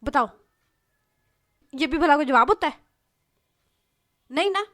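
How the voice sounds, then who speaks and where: Woman playing a fed up young woman ranting loud and high about a rude coworker. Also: expressive, slow pace, exaggerated voice. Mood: exasperated. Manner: loud, exasperated complaining.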